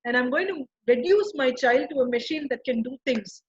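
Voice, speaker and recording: A woman's voice: high voice, animated, moderate pace, breathy edge, muffled recording. A woman, a child counselor giving an earnest talk to parents and often asking if they follow. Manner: earnest, asks the audience for agreement.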